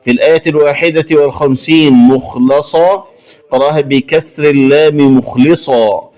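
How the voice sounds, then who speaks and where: A man teaching Quran recitation variants, stating each rule briskly and then chanting the word slowly and drawn out. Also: on the high side, steady tone, darkish tone. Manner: brisk rule explanations broken by slow, drawn-out chanted words.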